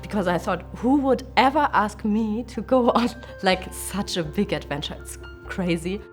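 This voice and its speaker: A woman's voice: mid-range voice, expressive, normal speed. Heartfelt woman from Germany. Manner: heartfelt, emotional, soft laughs. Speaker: interviewee, climber. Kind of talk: documentary interview. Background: background music.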